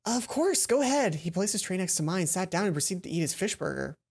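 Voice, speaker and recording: Streaming a visual novel, this young man reads the story through a headset mic over game music, tossing in playful, stumbling asides. He talks quickly in a voice that sits high, with some vocal fry. As a let's play streamer, his manner is playful and self-mocking, and he trips over his words.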